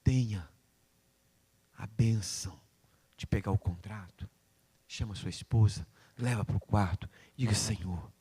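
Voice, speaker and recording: A man's voice: on the low side, measured pace, pauses often, warm tone, breathy edge. A man preaching a sermon, acting out prayers and God's replies and calling on listeners by name. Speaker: pastor. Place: church hall. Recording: long reverb of a church hall.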